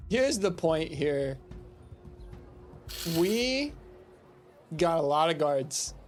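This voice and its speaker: A man's voice: fairly high pitch, sing-song, very slow, soft background music. A man playing in a tabletop role-playing game, joking and rambling as he repeats his points. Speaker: player. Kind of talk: casual chat in a tabletop game.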